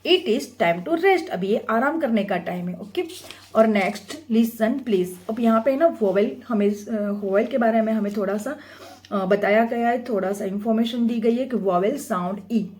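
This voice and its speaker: A woman teacher explaining an English textbook lesson, reading the English lines slowly and asking and answering her own questions. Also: a little high, darkish tone.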